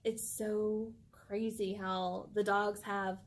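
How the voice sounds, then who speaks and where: A woman's voice: mid-range voice, level tone, takes it slowly. A woman co-hosting a vlog. She chats casually about her pet, gushing and filling her talk with "like". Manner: gushing, chatty, full of "like" fillers. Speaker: channel co-host. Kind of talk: casual chat about pets.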